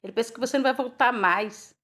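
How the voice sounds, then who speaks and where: A woman voicing God as a gentle shepherd, with a soft, hushed and tender Brazilian Portuguese delivery. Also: fairly high pitch, quick pace, pitched above the performer's own voice, lightly acted. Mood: tender reassurance. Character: gentle, reassuring divine voice, male shepherd.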